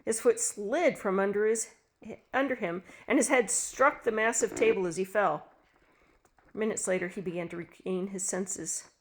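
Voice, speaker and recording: A woman telling a dark short story aloud, with scripted, steady narration at a middle pitch. Her delivery stays even and measured. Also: slight background noise.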